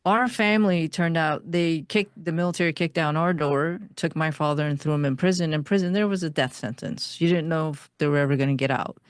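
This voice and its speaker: A woman from Iran, a guest on an interview podcast, telling her life story in an earnest, steady way. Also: deep voice, fairly quick, few pauses, clean tone, no room sound, studio quality.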